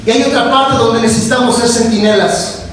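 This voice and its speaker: High-voiced preacher in an echoey church. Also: male voice, steady tone, a little fast, distant mic, slight background noise. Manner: mimics whiny voices of church members; rises to shouting exhortation. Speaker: pastor. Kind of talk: sermon. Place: church sanctuary. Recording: echoey church sanctuary from afar.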